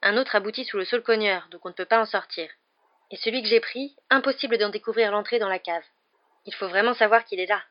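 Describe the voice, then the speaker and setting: A woman voicing a calm teenage boy wizard who speaks steadily and matter-of-factly, in a dull lo-fi recording. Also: medium pitch, fast, no room sound, natural voice. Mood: steady.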